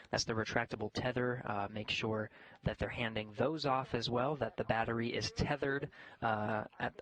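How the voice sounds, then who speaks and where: A man's voice: mid-range voice, fairly bright tone, rough recording. A man giving live explanatory commentary on a space mission.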